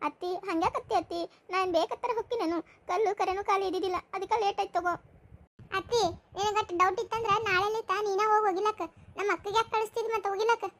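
A woman voicing a meek young village daughter-in-law with a North Karnataka accent who gives soft, pleading excuses. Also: extremely high pitch, fairly even intonation, quick pace. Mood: defensive. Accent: North Karnataka Kannada.

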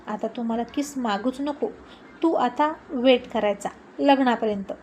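Woman doing a coy, firm young girlfriend; high, gentle, unyielding. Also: unhurried, slight background noise, lightly acted.

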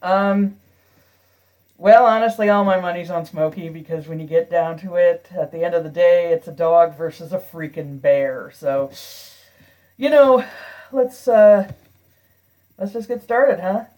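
Middle-aged female vlogger, lowish voice, rambling casual chat, echoing stairwell laptop sound. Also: measured pace, pauses often, dark tone. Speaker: reaction video host. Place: small indoor stairwell. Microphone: laptop at arm's length. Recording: echoey stairwell, laptop mic.

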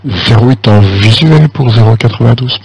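A man's voice: medium pitch, moderate pace, creaky, a little mellow, breathy edge, no room sound, low-quality recording. A man speaking as an airline pilot, making polite procedural readbacks to air traffic control. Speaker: airline pilot in online flight simulation.

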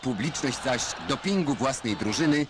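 A man narrates an old newsreel in a measured, mid-pitched voice, with wry and ironic turns in his commentary. The old film soundtrack carries a steady layer of hiss and background noise under his voice.

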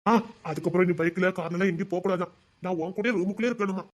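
A man's voice: high voice, fairly even intonation, rapid-fire. A man playing a young husband who has just learned he will be a father, speaking in an emotional, tender way. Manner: emotional, tender, promises not to get angry. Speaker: new father. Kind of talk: family web series acting.

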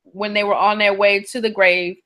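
A woman's voice: mid-range voice, normal speed. A woman co-hosting a podcast, chatting casually and backing her partner with frequent agreement. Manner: relaxed, backchannels with frequent mm-hmms. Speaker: podcast co-host. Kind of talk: casual chat.

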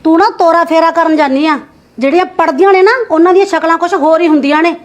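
A woman's voice: extremely high pitch, fairly even intonation, quick pace, highs cut off. A woman playing a nagging, sarcastic sister-in-law. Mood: scolding. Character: scolding, stingy married sister-in-law. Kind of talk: Punjabi short-film acting.

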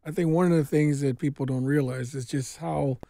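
A man co-hosts an interview podcast, speaking earnestly and with emphasis. His voice sits somewhat high but has a mellow, dark tone. The sound is dry and close. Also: steady tone, brisk, gravelly, no echo. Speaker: podcast co-host. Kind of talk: casual interview chat.

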